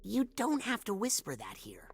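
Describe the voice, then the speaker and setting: A woman's voice: mid-range voice, huge pitch swings, normal speed, soft background music. A woman voicing an earnest, hesitant young boy psychic agent in a video game. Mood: nervous, startled.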